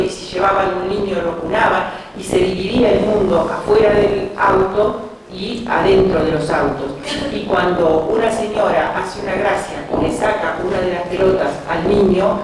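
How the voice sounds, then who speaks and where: A woman giving a talk, retelling children's picture books in an unhurried storytelling way with small hesitations. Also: on the low side. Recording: very echoey room, distant mic, background noise.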